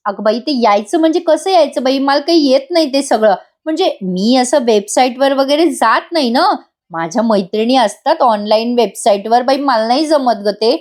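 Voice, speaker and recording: A woman's voice: high-pitched, lively intonation, moderate pace, darkish tone. A woman voicing an emotional middle-aged mother-in-law who fusses and exclaims in a raised voice. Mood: flustered. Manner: exclaiming, fussing.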